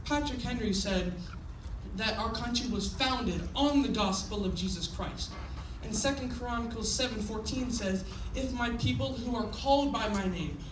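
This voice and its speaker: A man's voice: extremely high pitch, normal speed. Echoey, stiffly recited speech by American boy. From United States. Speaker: speech contestant. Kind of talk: memorized persuasive competition speech. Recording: echoey room, distant mic, faint noise.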